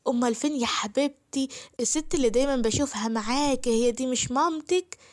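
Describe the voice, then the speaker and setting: A woman's voice: sits high, fast, no room sound, clean studio sound, lightly acted. A woman with an Egyptian accent voicing a kind middle-aged neighbor woman who soothes and then protests her innocence. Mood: tender.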